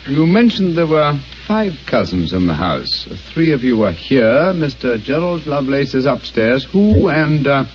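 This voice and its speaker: An actor playing Sherlock Holmes, a brilliant male detective, who explains his deductions in a precise, deliberate way, on an old radio recording. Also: mid-range voice, sing-song. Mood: deducing. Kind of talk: vintage radio acting. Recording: dull old radio recording, faint hiss.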